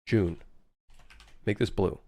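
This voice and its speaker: A man's voice: low-pitched, slow pace, a little mellow. A man born in Switzerland, a game developer chatting casually and jokingly on a live stream while reading chat aloud.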